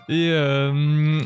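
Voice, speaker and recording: A man hosting a podcast in casual chat, chatty and enthusiastic, with many hesitations. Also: a little high. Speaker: podcast host.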